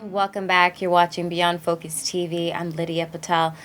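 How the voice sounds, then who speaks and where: A woman's voice: fairly low pitch, level tone, normal speed, over music. A woman hosting a TV talk show, chatty and enthusiastic as she interviews a guest in a studio.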